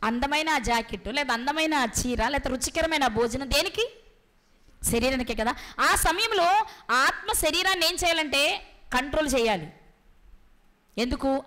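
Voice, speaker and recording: A woman preaching a sermon with a Telugu accent, asking rhetorical questions and pausing for effect. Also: high-pitched, bright, forceful tone. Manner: rhetorical questions, dramatic pauses.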